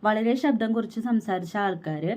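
A woman's voice: medium pitch, darkish tone. A pregnant young woman, telling a personal story in a vlog and quoting what others said. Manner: fast, aggrieved storytelling with quoted dialogue. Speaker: vlogger.

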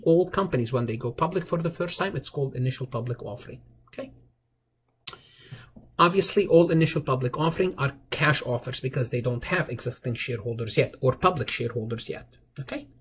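A man's voice: medium pitch, slight background noise. A man giving a recorded finance lecture over slides, explaining step by step and often restarting phrases with "okay".

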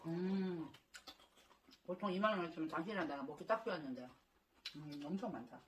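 A middle-aged woman talking while chewing, in relaxed, homey chat over a meal at her dining table. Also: sits low, very fast, slight background noise. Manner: relaxed, murmuring homey talk. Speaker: co-host of a family eating video. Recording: clinking dishes in the background. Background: dishes and cutlery clinking.

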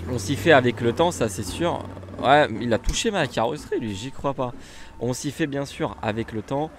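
A gaming YouTuber with a French accent chats casually while playing a bus simulator, rambling with plenty of fillers and restarts. His voice is mid-range, with a little hiss or hum on the recording.

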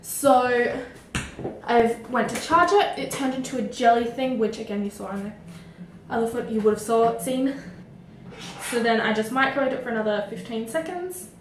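Sitting at a table in her home, a late-teen female vlogger rambles through a laid-back DIY tutorial and swears casually. She speaks at normal speed in a slightly high voice, heard at a distance from the mic with a roomy echo and some faint background noise.

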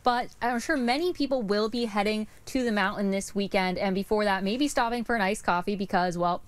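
A young woman delivers a live news report from outdoors at night. Her delivery is clear and measured. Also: mid-range voice. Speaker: field reporter.

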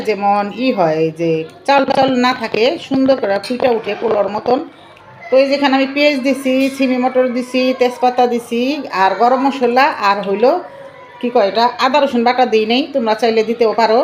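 A woman, narrating a casual home cooking vlog and chatting warmly with her viewers as friends. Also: on the high side, fairly quick, a little hiss or hum. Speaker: cooking vlogger.

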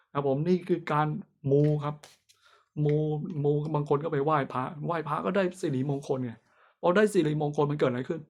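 Chatty fortune-teller man, fairly high voice. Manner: chatty, self-mocking, laughs often, drawn-out fillers. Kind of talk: casual horoscope talk to camera.

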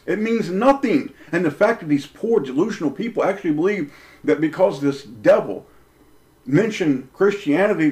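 A man's voice: high voice, a little mellow. A man delivering a preaching monologue, emphatic, with rhetorical questions and punchy, repeated lines. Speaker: religious commentator.

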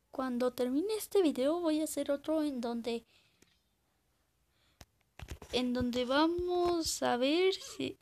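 A gaming channel host with a high-sitting, darkish voice offers casual, hesitant commentary as she plays a game, now and then squealing in panic.

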